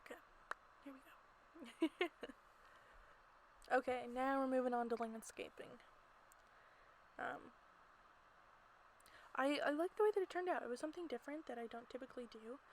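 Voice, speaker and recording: She narrates a gameplay video at a moderate pace, pausing often, her voice sitting high. It's a casual, giggly, rambling commentary from an amateur creator holed up in a small closet at home. The low-quality recording picks up noticeable background noise.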